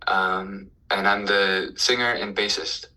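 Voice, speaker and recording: A man of twenty from Colorado, a band's singer, answering interview questions in a relaxed, hesitant way. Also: sits low, slow pace, rough recording. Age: 20s. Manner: relaxed, hesitant with fillers and restarts. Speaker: band singer and bassist.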